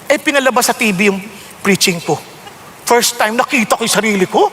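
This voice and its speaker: A middle-aged man with a Filipino accent preaching an animated sermon in Tagalog mixed with English, his voice leaping up for emphasis. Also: high voice, brisk, a little hiss or hum. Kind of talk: Taglish sermon.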